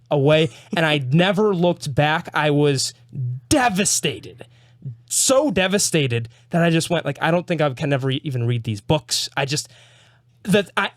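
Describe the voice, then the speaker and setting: An animated young man hosts a casual book chat, telling stories with eager restarts. His voice sits a bit high for a man and is recorded dry and close. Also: no echo. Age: young adult. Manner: animated storyteller, quick restarts. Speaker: host.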